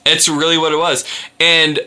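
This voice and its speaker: Male podcast co-host; tense, bright tone, slightly high, jokey and quick to laugh. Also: little pitch movement, clean tone. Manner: bantering, laughs often. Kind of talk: casual movie review chat.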